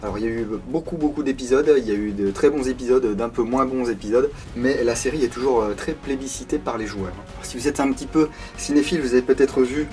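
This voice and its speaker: A man's voice: mid-range voice, quick pace, hardly any pauses, darkish tone, faint music behind. A man hosting his own video, reviewing a collectible replica in a casual, unscripted way, chatting with many hesitation fillers and self-deprecating asides.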